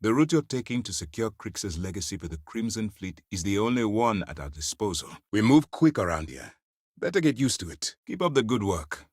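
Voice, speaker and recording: Casting: a principled, stern sci-fi game fleet commander. Low voice, highly dynamic intonation, formal and authoritative, dry close sound. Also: male voice, very animated, a little fast, dry recording. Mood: measured, resolute. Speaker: voice actor. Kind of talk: scripted video game character dialogue.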